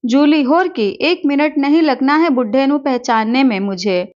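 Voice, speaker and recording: Brief: woman doing fiery young woman, high voice, low and cross, dull lo-fi sound. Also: moderate pace, darkish tone, lightly acted. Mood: annoyed. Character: feisty young woman, fiery Punjabi friend. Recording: dull lo-fi recording.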